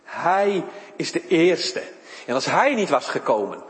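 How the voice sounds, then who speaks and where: A man's voice: fairly high pitch, big pitch swings, unhurried, echoey room, long reverb tail. A man preaching a sermon in church, his voice rising and falling for emphasis. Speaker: pastor.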